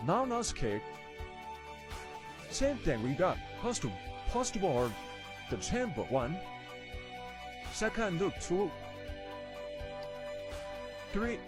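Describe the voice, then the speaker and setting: High-pitched man calling martial arts drill commands. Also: sing-song, extremely slow, pauses often, music in the background. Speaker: taekwondo instructor. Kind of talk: instructional drill counting and commands.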